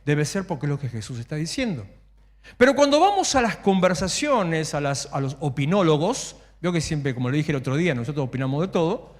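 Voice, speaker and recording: A man with a Rioplatense Spanish accent preaching a sermon as a pastor, animated and humorous, mimicking the shouts of worshippers. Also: on the high side. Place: church sanctuary. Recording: echoey church hall.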